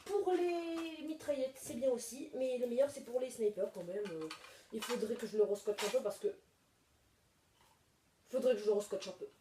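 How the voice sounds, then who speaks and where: A woman's voice: fairly high pitch, normal speed. A woman hosting a casual home video review, rambling with lots of hesitations. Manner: rambling, many hesitations and fillers. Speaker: video host reviewing toy blaster magazines. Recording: echoey room, mic far off, noisy.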